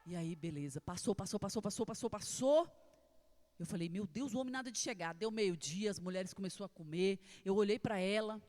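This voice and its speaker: A woman's voice: mid-range voice, brisk. A woman with a Brazilian Portuguese accent preaching a sermon in a church, telling a personal testimony with passion. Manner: impassioned storytelling, swinging between hushed and loud.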